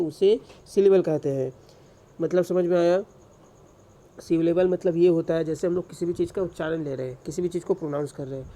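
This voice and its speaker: A man's voice: on the high side, warm tone. A man teaching English grammar in a classroom-style lecture, asking rhetorical questions and answering them himself.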